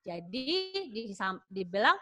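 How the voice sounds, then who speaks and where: A woman tells a Bible story to children as a Sunday school teacher, in an animated, casual way. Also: medium pitch, takes it slowly.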